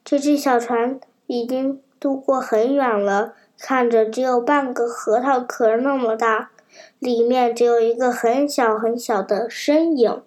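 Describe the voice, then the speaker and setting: A woman's voice: fairly high pitch, fairly even intonation, unhurried, darkish tone, lightly acted. A woman voicing an old grandmother who plainly explains events in a storybook. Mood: worried. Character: old grandmother onlooker by the sea.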